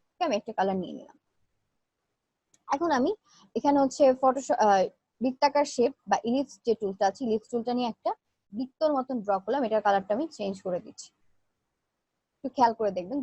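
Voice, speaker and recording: A high-voiced woman teaches design software in a live class, moving fast and explaining each step in turn. Her voice is close and dry, with a dull, lo-fi sound. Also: no room sound. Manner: explains step by step, fillers between steps. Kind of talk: live online class, screen demo.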